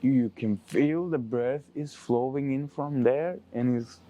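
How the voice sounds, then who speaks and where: A man with a non-native English accent teaching a yoga breathing lesson, instructive and encouraging, sometimes halting as he searches for words. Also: mid-range voice, warm tone, muffled recording.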